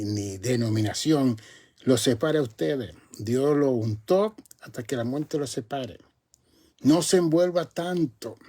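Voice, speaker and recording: Man, pastor, sermon, emphatic rises, drawn-out words, mellow warm tone, mid pitch.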